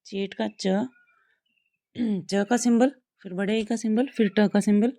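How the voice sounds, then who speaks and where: A woman's voice: medium pitch, fairly even intonation, slow, mellow, no room sound. A woman teaching phonetics, patiently repeating example words one by one. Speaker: English teacher. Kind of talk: classroom phonetics lesson.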